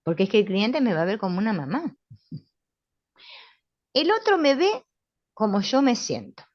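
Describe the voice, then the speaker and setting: A middle-aged woman with a Rioplatense Spanish accent, calmly and confidently teaching a spiritual therapy class, often asking "right?". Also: medium pitch, normal speed, dry recording. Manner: calm, assured, with frequent tag questions. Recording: dull, lo-fi sound.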